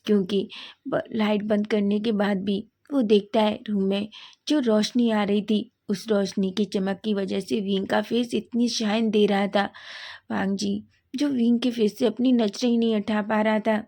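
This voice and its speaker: A woman's voice: medium pitch, little pitch movement, a little slow, mellow. A woman narrating a fan story aloud, reading all the dialogue in her own voice.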